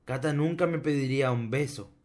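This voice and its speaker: Excitable man hosting a game roleplay. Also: medium pitch, fairly quick. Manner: excitable, dramatic exclamations, reacts aloud to viewers. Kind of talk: Minecraft roleplay. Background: background music.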